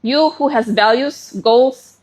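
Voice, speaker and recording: A young woman from Papua New Guinea delivering a formal, prepared pageant speech in a poised, measured and deliberate manner. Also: high voice, a little mellow, husky. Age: young adult. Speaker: pageant contestant.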